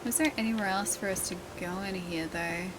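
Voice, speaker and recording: Casual gameplay commentary comes from a woman with a mild Australian accent and slightly nasal voice who laughs often as she streams. She speaks briskly in a mid-range voice with fairly even intonation, over a noisy background.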